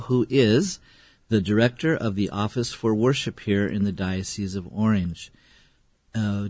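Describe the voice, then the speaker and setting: Low-voiced priest hosting radio. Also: male voice, a little mellow, husky, no room sound. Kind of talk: radio talk show hosting.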